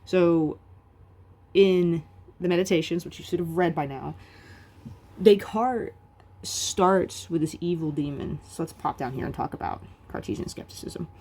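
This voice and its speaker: A woman's voice: lowish voice, a little slow, darkish tone. A woman teaching a recorded philosophy lecture in a casual, chatty way, with many fillers and restarts.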